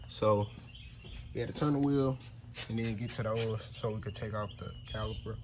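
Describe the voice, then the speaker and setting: Give me a laid-back man filming a car-repair video on his phone outdoors, with clear background noise. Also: fairly low pitch, normal speed. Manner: relaxed, talks as he works, points things out. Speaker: DIY car repair vlogger. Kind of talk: casual how-to narration while working. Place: outdoors by a truck. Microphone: phone camera.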